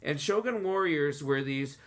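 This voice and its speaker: A man's voice: fairly high pitch, lively intonation, measured pace. A man in his thirties hosting a podcast, chatting casually and enthusiastically about childhood toys, rambling with fillers. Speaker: podcast host. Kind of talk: casual chat.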